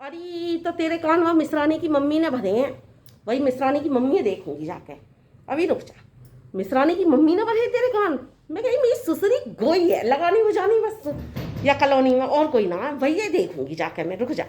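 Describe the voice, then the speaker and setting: A shrill, nagging older mother-in-law, played by a woman, barks at her daughter-in-law in a high voice. Her comes through in every line. The scolding is loud and sarcastic, pitched for comic effect. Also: lively intonation, moderate pace, slight background noise. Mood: indignant. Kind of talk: comedy sketch acting.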